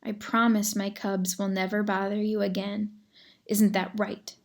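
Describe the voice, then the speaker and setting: A woman's voice: medium pitch, little pitch movement, measured pace, natural voice. A woman voicing a protective mother bear in a storybook reading, firm and motherly. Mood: apologetic.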